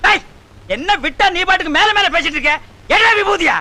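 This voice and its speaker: A man's voice: very high-pitched, bright, forceful tone, soft background music, exaggerated voice. An actor playing a bossy, bragging village exorcist in a Tamil film comedy, scolding and mocking his assistant. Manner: scolding, mocking, quick-tongued.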